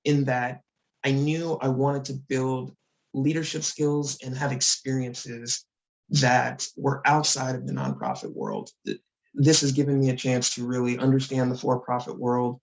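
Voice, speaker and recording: A man speaking on a panel about his career, in a reflective, measured way. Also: mid-range voice, creaky, rough recording. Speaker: panelist, consultant. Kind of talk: panel discussion.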